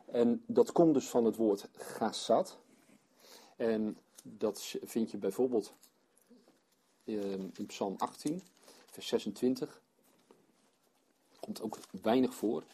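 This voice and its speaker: A man's voice: lowish voice, slow, pauses often, warm tone, husky. A man leading a Bible study for a small group, reading scripture aloud and then explaining it as he thinks aloud.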